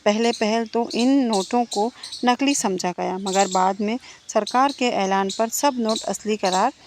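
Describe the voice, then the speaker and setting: A woman teaches an exam-prep lesson at a medium pitch, posing questions to her listeners and answering them herself. She goes back over each key point. Birds and insects chirp clearly behind her in a noisy recording. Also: measured pace.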